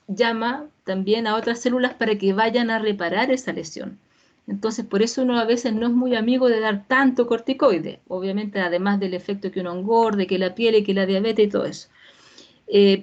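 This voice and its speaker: Brief: woman physician, fairly high voice, informal lecture, dull lo-fi video-call audio. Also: a little mellow. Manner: explanatory, casual asides and tag checks. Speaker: physician giving a patient talk.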